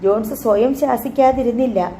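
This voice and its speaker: A woman narrating a novel as an audiobook reader, in calm, measured storytelling. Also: on the high side, slight background noise. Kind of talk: scripted narration. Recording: roomy, slightly dull recording.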